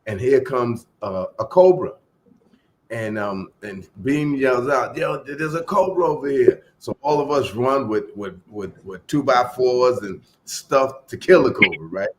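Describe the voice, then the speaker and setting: Male storyteller in a casual podcast chat, mid-pitched, lively, acts out quotes. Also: a little slow, slight background noise. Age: 20s.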